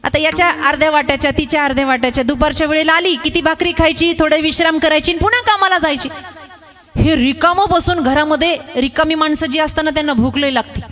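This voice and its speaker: A woman preacher with a high, light voice leads a devotional sermon, telling a village folk tale in a folksy, lively manner. She drops humorous asides to the listeners as she goes. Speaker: kirtan preacher.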